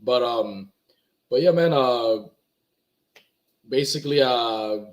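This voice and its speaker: A man's voice: medium pitch, slow pace, muffled recording. Man, from Miami, Spanish first language, young adult, casual, rambling, filler words. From Miami, Florida. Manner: laid-back, rambling, many fillers and restarts. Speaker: guest. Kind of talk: casual interview talk.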